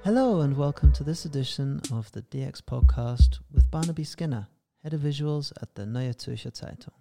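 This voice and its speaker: A man's voice: mid-range voice, animated, normal speed, gravelly, dark tone, faint music behind. A man hosting an interview podcast, asking the guest brief, easygoing questions. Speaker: podcast host.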